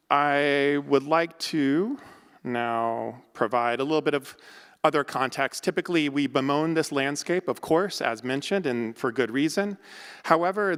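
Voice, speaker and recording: Smooth-voiced man lecturing in a reverberant hall. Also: on the high side, fairly bright tone. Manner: conversational, self-correcting, many fillers. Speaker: academic researcher giving a talk. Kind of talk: conference talk.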